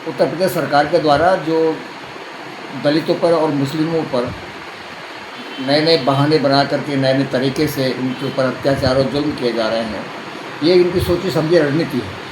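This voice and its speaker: Brief: man, slightly high voice, formal earnest protest, echoey noisy room. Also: moderate pace. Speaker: party official giving a statement. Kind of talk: speaking to a reporter.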